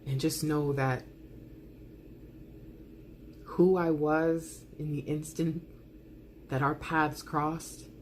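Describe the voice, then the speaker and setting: A woman with a fairly low voice reads love messages in a soft ASMR style. Her delivery is intimate and earnest, shaped by dramatic pauses. Some ambient noise sits behind her voice. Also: steady tone. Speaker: tarot reader reading out love messages. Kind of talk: soft ASMR love letter reading, spoken as the absent partner.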